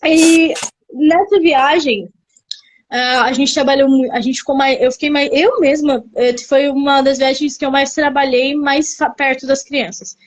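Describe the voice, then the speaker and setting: Young woman from Brazil, missionary guest, high voice, excitable, piles up repeated words. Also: a little slow. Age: young adult. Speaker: missionary and youth leader. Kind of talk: casual interview on a live stream.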